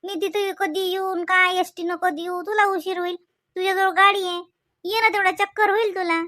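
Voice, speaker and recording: A woman voicing a sharp-tongued village wife in a cartoon, with an indignant, scolding manner. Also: steady tone, normal speed, no echo, studio quality. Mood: chatty on phone. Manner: scolding, indignant, high and shrill.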